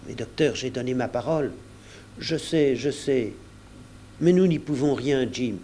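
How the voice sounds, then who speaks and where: A man voicing an earnest middle-aged doctor who speaks urgently and gravely. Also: mid-range voice, unhurried, mellow, slight background noise, lightly acted.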